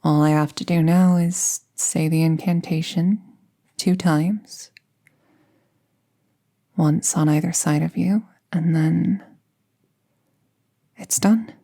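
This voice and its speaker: In an intimate audio drama, a woman voices an apprentice witch, sounding gentle and reassuring. Her mellow, soft voice sits on the low side with vocal fry, and her slow, careful delivery keeps a fairly even, barely rising or falling intonation despite being heavily acted.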